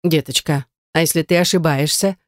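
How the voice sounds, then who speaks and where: A woman voicing a fussy elderly building manager in an audiobook, speaking in a lower, hushed and fretful voice. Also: normal speed, no room sound, clean studio sound, close to an everyday voice. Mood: worried.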